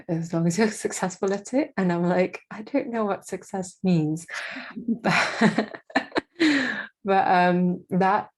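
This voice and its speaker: Young woman guest, low and even in pitch, hesitant and full of fillers. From Indonesia. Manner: hesitant, many fillers and restarts. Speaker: guest, freelance marketing manager. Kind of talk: casual interview.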